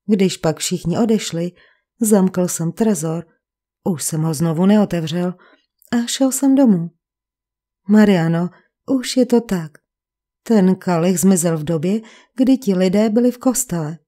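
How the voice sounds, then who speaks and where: A woman's voice: fairly low pitch, mellow, close to an everyday voice. A woman reading the part of a fussy English village vicar who speaks in a precise, cold and sarcastic way.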